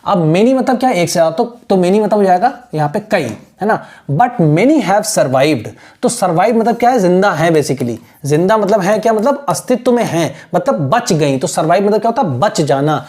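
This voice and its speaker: A man's voice: high voice, expressive, fairly quick, hardly any pauses, darkish tone. A man teaching a textbook lesson, patiently explaining word by word and mixing in English.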